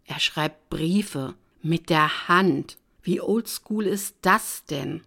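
Female audiobook reader, fairly low voice, lively, sarcastic first-person narration. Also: extremely slow, gravelly. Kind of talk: first-person novel reading.

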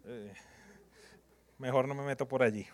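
A man preaching a sermon as pastor. He leads the congregation in call-and-response and swings between loud proclamation and soft asides. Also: mid-range voice, steady tone, moderate pace.

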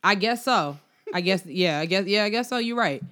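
An adult woman co-hosting a casual podcast chat, animated and opinionated, often laughing. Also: medium pitch, moderate pace. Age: adult over 25. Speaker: podcast co-host.

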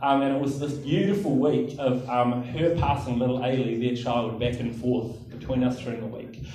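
A man's voice: mid-range voice, steady tone, normal speed, mellow. A man preaching in an echoing hall. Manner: chatty, self-mocking, many um fillers. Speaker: pastor. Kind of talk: sermon with a personal story. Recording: echoey hall, distant mic.

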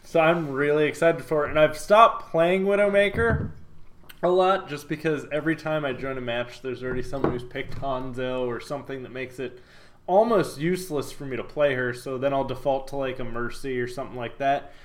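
A man's voice: medium pitch, a little fast. A young man hosting a casual podcast chat, joking and steering the topics. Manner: chatty, joking, shifts topics. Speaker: podcast host.

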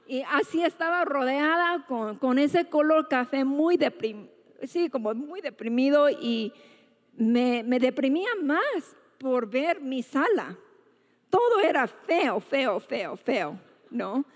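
A woman with a high, bright-pitched voice shares a testimony sermon at church, earnest and conversational, checking in with her listeners through frequent little questions. Her voice rings out with a long reverb, as if she is speaking in a large hall. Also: expressive, slow.

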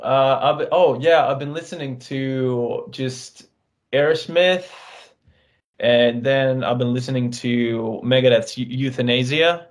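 A man's voice: mid-range voice, measured pace. A man in an interview, chatting casually about music, laughing often and swearing offhand. His is not English, and he has kids. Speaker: band member, guest.

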